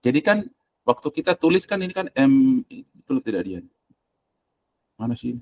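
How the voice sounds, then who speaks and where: Blunt lecturer. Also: male voice, mid-range voice, very animated, normal speed. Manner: blunt, directive, colloquial, thinking aloud while clicking. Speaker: university lecturer. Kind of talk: informal screen-share tutoring.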